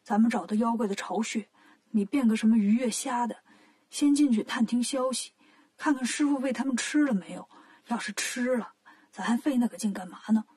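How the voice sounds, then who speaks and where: A woman voicing a calm, loyal male monk disciple in a children's story, speaking low and soft. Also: brisk, breathy edge. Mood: earnest.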